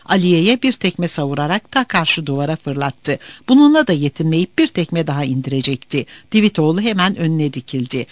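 A man narrating a story with an expressive, dramatic reading. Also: fairly high pitch, fairly quick, few pauses, no room sound.

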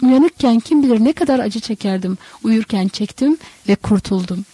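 A woman voicing an enraged grown man who shouts in a raised, forceful voice, read in a storybook reading. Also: a little high, animated, moderate pace, husky, dry recording. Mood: furious. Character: furious grown man, a carpenter denying he is divine.

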